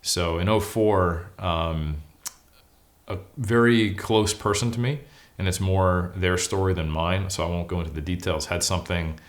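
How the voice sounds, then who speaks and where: Here the interview guest, a forty-year-old bodybuilder-academic from California with an American accent, talks a little slowly in a low voice with fairly even intonation. His personal storytelling is casual, honest and self-deprecating.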